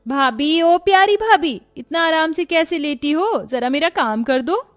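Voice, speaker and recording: Cartoon role: lazy, scheming young wife, bratty and sing-song, voiced by a woman, pitched up, faint music bed. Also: expressive, normal speed. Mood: cheeky. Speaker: sister-in-law character. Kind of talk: cartoon voice acting.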